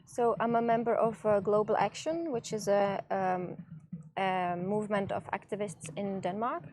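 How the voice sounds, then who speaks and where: A woman's voice: medium pitch, moderate pace, a little mellow, no echo. A woman from the Republic, a student guest on a panel, speaking hesitantly with many ums. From Czech Republic. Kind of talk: panel discussion.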